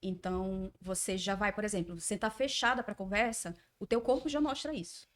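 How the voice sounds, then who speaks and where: A woman's voice: medium pitch, a little fast. A woman guest on a podcast, a communication mentor speaking fluently and explaining ideas at length.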